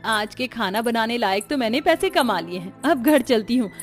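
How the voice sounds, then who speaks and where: A woman's voice: on the high side, lively intonation, moderate pace, lightly acted. A woman voicing a poor, hardworking young bangle seller who speaks in an earnest, kind way, over faint music. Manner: bright, earnest, street-vendor calls.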